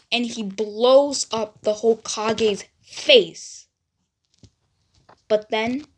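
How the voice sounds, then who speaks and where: A woman's voice: fairly high pitch, slight background noise. A woman casually narrating a fan story, hesitant, with fillers and restarts.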